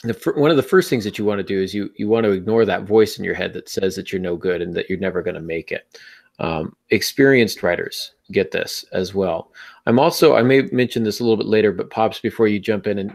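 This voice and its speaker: A man with a deep, gravelly voice hosts a podcast, talking about writing in a casual, conversational way with wry asides.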